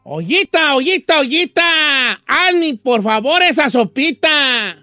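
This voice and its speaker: Crafty vagabond trickster voiced by a man, folk tale, high-pitched, bright, faint guitar behind. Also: expressive, brisk, no room sound. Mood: calling out. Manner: loud pleading calls, sly wheedling. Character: crafty male vagabond trickster, hungry and scheming.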